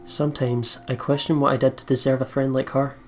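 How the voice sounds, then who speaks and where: A woman's voice: rumbling low, flat delivery, brisk. A woman hosting a let's play, reading a visual novel aloud in a dramatic, reflective manner. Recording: game music behind.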